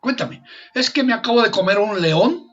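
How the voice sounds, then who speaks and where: A man voicing a sly, smooth-talking little sausage dog in a told folk tale, drawing his words out slowly. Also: sits high, expressive, lo-fi sound, faint music behind, voice pushed up. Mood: boastful.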